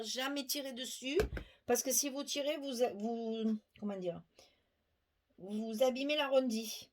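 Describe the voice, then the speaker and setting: With a noisy background behind her, a middle-aged woman at her worktable gives a step-by-step craft demonstration, talking to viewers chattily and explaining as she works. Her voice is a little high.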